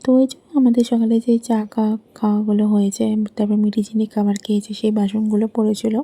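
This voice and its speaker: A woman's voice: mid-range voice, level tone, dark tone. A young woman, a mother of two little girls, chatting casually at home as she vlogs her day, rambling with lots of fillers. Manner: chatty, rambling, fills pauses with "I mean". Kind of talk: casual home vlog narration. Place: at home, bedroom and kitchen.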